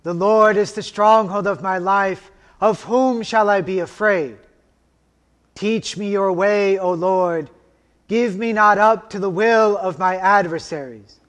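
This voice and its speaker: A man leading a liturgy as officiant, intoning prayers and scripture in a solemn, measured way, his voice ringing in a cathedral echo. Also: high-pitched, a bit bright. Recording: long church reverb.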